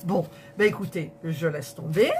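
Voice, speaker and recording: Low and somewhat dark in tone, the woman's voice carries a slight hiss or hum. In her unboxing vlog she talks to viewers about a diamond painting kit, indignantly counting its colour numbers, clearly disappointed.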